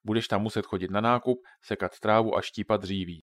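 A man voicing a stern mother who quietly threatens her joking husband in a storybook reading. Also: on the low side, steady tone, dry recording, natural voice. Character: stern, sharp-tongued mother.

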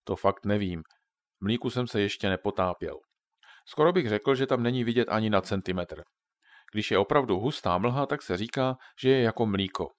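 A man's voice: on the low side, no room sound, clean studio sound, natural voice. A man voicing a joking father who patiently explains things to his children in a storybook reading. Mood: jokey explaining.

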